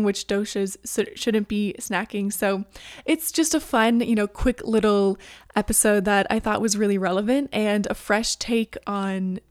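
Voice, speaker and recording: A woman's voice: mid-range voice, no echo, clean studio sound. Upbeat chatty woman podcast host. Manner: upbeat, chatty, with frequent "you know". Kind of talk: podcast intro and interview.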